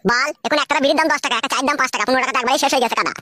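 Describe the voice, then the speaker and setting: A woman voices a crude, bickering young cartoon husband, talking extremely fast in a slightly high voice. The sound is dry and close. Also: pushed and bright, dry recording. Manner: crude, cheeky, quarrelsome. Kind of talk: comic cartoon dubbing.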